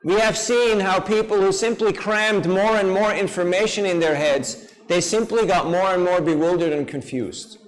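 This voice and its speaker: Guy with a high voice preaching to a crowd, playful and animated, keeps asking the room stuff. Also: normal speed, few pauses, poor audio. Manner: lively, playful, asks the audience questions. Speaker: speaker at a seminar. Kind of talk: devotional talk to an audience.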